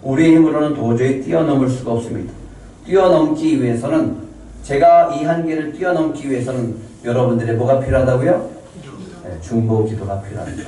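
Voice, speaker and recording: A man's voice: mid-range voice, a little fast, dark tone, a little hiss or hum. A male pastor giving a Sunday sermon, reading scripture aloud and putting questions to the congregation. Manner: asks the congregation questions and answers them. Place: church sanctuary. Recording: echoey church hall, mic from a distance.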